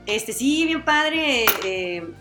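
A woman's voice: high voice, animated, drawn-out words, over music. A woman in her forties with a northern Mexican accent, co-hosting a casual chat, playful and teasing. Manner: playful, teasing, laughs often. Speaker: podcast co-host.

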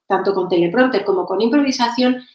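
A woman from giving energetic, direct on-camera advice as a presentation coach. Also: medium pitch, a little fast. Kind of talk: on-camera tutorial. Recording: roomy echoey room.

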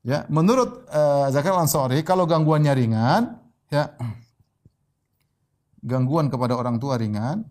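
A man preaching in a steady lecture voice, his tone sitting a little high for a man. He repeats his key phrases and slows down to read quotations carefully. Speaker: Islamic preacher. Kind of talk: religious lecture.

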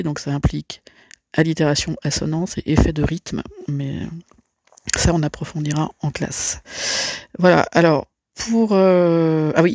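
Hesitant gravelly male teacher. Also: fairly high pitch, a little mellow, no echo, studio quality. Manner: hesitant, many fillers and restarts, explanatory. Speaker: French literature teacher. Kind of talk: recorded lesson correction for students.

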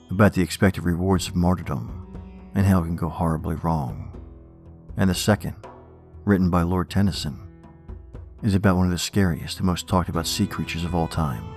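A man hosting a horror podcast, reading scripted stories and poems in a measured, theatrical manner. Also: deep voice.

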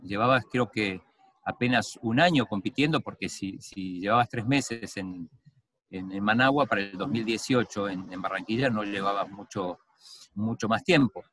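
A man's voice: fairly low pitch, moderate pace, a bit bright. A man interviewing an athlete, telling a story in a chatty way with many fillers.

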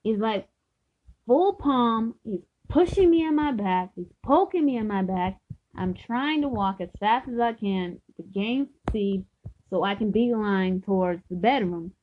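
A woman's voice: mid-range voice, animated, a little slow. A woman telling a personal story from her own life in an earnest, emphatic way, often repeating herself for stress. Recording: dull lo-fi recording.

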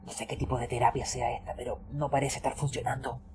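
A gossiping museum visitor, played by a man, murmurs in a hushed, low voice, keeping quiet so as not to be overheard. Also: little pitch movement, fast talker, slight background noise, close to an everyday voice.

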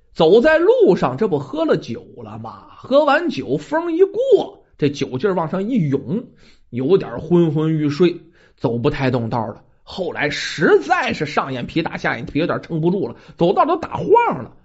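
A storyteller telling a folk ghost tale in a lively, colloquial way, talking to the listeners. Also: mid-range voice, breathy edge, highs cut off.

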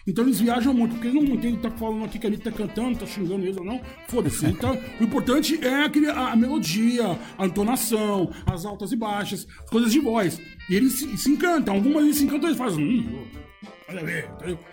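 A man with a high, lively voice talks on a podcast. He is a DJ telling loose stories, laughing and swearing, while faint music plays behind him. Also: racing, few pauses. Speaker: DJ guest. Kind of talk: casual podcast chat.

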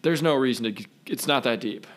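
A man co-hosting a fight podcast, talking in a relaxed, rambling way with lots of fillers. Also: mid-range voice, brisk. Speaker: podcast co-host. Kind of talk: casual chat.

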